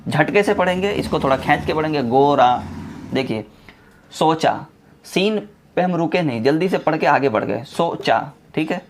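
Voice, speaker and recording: A man from India teaching Urdu letters, slowly drawing out syllables and repeating "theek hai" as he drills sounds. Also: fairly high pitch, animated, slight background noise. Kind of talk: slow board lesson. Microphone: small clip-on mic.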